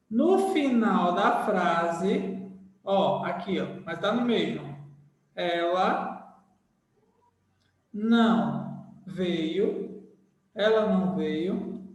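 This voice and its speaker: A man teaching a grammar lesson to a class, repeating key phrases and checking in with his students. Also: sits high. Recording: echoey hall, voice far from the mic.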